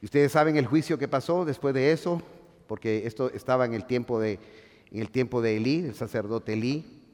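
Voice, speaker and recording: A man preaching a sermon as pastor, swinging from shouting to hushed asides. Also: mid-range voice, fairly quick. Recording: long hall reverb.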